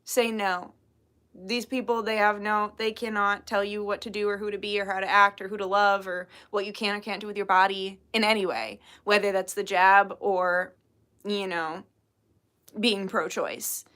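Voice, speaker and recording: In a casual tarot livestream, a young woman host reads chat messages, laughs frequently and swears without restraint. She speaks at a moderate pace in a mid-range, level voice that is bright and forceful.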